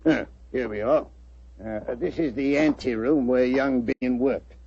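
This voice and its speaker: An actor playing a cocksure, plodding English police inspector with an English accent, blustering and colloquial in 1940s radio style. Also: male voice, mid-range voice, steady tone, measured pace, vocal fry, warm tone, a little hiss or hum. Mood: businesslike. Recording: muffled old 1940s radio recording.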